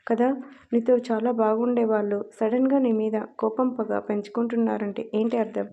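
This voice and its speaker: A woman voicing a calm, protective young husband who speaks in a serious, reassuring way in an audio story. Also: extremely high pitch, normal speed, gravelly, muffled recording.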